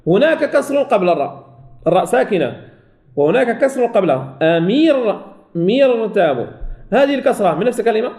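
A man teaching a Quran recitation lesson, who asks and answers his own questions and slowly repeats example words. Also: high-pitched, very animated, a little mellow. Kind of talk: recorded tajweed lesson.

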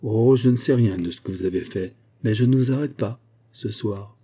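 A man's voice: medium pitch, brisk, mellow, breathy edge. A man reading as a shrewd, courteous male musketeer captain who stays polite and evasive, in an audiobook.

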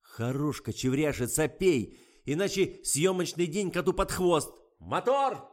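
A man voicing an irritable male film director who shouts bossy orders. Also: lowish voice, very slow. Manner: barking, bossy.

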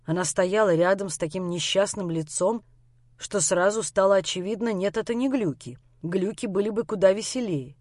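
A woman's voice: mid-range voice, normal speed, dry recording, studio quality. Woman narrating an audiobook. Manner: steady, intimate first-person storytelling.

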